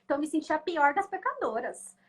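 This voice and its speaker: Brazilian lady w a high voice explaining stuff in an online class, keeps tagging on little questions. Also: very animated, quick pace. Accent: Brazilian Portuguese. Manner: peppers speech with tag questions, acts out quoted voices. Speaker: guest educator on emotional education. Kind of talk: conversational teaching in an online class.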